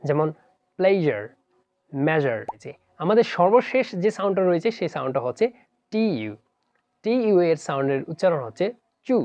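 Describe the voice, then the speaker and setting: A pronunciation teacher giving a spoken lesson, slowly spelling out letters and repeating words with care. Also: mid-range voice, sing-song, darkish tone, highs cut off, a little hiss or hum. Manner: slow, deliberate spelling-out of letters.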